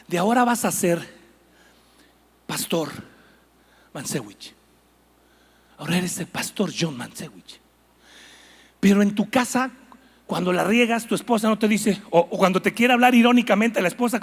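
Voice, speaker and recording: A man's voice: sits high, animated, moderate pace, pauses often. A man preaching a sermon, telling stories with animation and asking the listeners questions.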